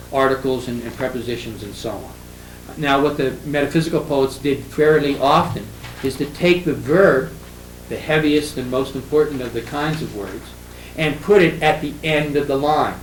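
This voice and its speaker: An older man giving a classroom lecture on poetry, halting with fillers and restarts, reading verse lines slowly with heavy stress. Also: mid-range voice. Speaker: literature professor. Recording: echoey room with faint ambient noise.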